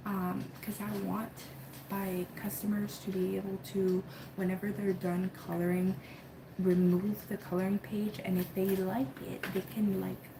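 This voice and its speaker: A soft-spoken woman talks slowly through a casual unboxing vlog at home. She rambles and leans on fillers. A steady hum of room noise sits behind her voice. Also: mid-range voice, gravelly. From Cuba. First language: Spanish. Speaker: coloring book creator and channel host.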